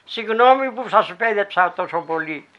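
Μια γυναίκα με ροδίτικη προφορά παίζει ένα τρυφερό κορίτσι που μεγάλωσε με τα ελάφια και μιλά ρυθμικά, σαν τραγουδιστά. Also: female voice, medium pitch, expressive, highs cut off, pitched above the performer's own voice, close to an everyday voice. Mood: gentle, earnest. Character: young girl raised by deer, gentle.

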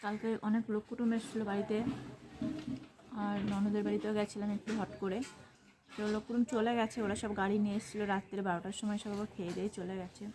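A woman's voice: medium pitch, flat delivery, fast talker. A woman with a sore throat from a cold, chatting casually through her household chores in a home vlog. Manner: chatty, narrating chores as she works. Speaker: home vlogger.

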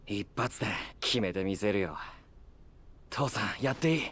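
A man's voice: lowish voice, lively intonation, normal speed, no echo. An actor playing an eager, cocky young man who hunts people with his father in a dubbed game cutscene. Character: eager young man, a gleeful trigger-happy hunter son.

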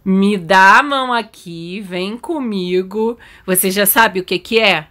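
A woman's voice: medium pitch, slow pace, fairly bright tone. A Brazilian woman hosting a gaming channel, chatting casually to viewers while playing a mom in a game role-play. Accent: Brazilian Portuguese. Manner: chatty, addresses viewers directly.

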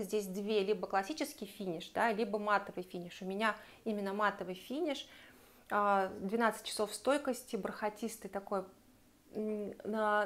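A woman giving a chatty, enthusiastic beauty product review and speaking straight to her viewers. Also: mid-range voice. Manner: chatty, enthusiastic, recommends warmly and addresses viewers directly. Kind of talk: casual product review to camera.

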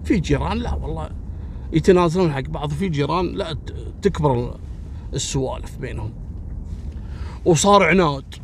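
A man's voice: on the high side, fairly quick, long pauses, slight background noise. A man telling a dramatic story in a casual, conversational way and talking straight to his listeners. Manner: conversational, addresses listeners directly.

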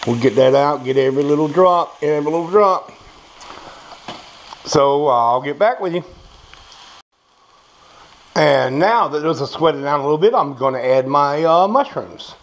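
Expressive and on the high side, a toothless man's voice moves at a moderate pace with long pauses as he gives a folksy, casual cooking demo as a home cook, murmuring as he savors. The small indoor home kitchen is noisy with frying sizzle and clicks.

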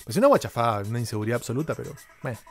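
A man with a Peruvian Spanish accent who hosts a live tech Q&A stream, answering viewer questions in a chatty, animated way with frequent asides to the audience. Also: medium pitch, rapid-fire. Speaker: tech YouTuber and journalist hosting a live Q&A. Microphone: desk studio microphone.

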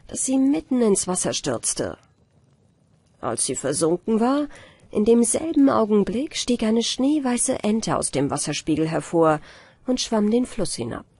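A woman narrating a fairy tale as an audiobook for falling asleep, in a calm, measured storytelling manner. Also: mid-range voice, slightly rough, no room sound. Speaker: audiobook reader.

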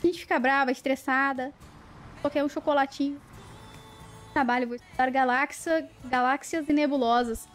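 A woman's voice: high-pitched, fairly even intonation, normal speed, faint music behind. A young woman chatting casually on a livestream, playful and talkative, greeting viewers one by one. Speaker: live streamer.

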